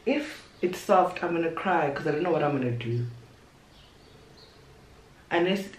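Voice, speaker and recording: Low-pitched and expressive, this young woman speaks unhurriedly as she chats through a makeup tutorial at her bedroom vanity, playful and talkative with asides while applying makeup. She's a beauty vlogger recorded by a desk camera a little away, so she sounds far from the mic and a bit off-mic, with roomy echo and a little hiss or hum.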